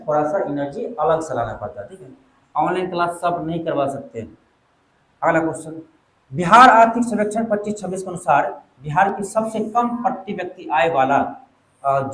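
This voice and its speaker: A man's voice: a little high, a little hiss or hum. A man teaching an exam coaching class, firing questions at his students. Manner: quizzes students, quick back-and-forth questions. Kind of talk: classroom lecture. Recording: echoey classroom.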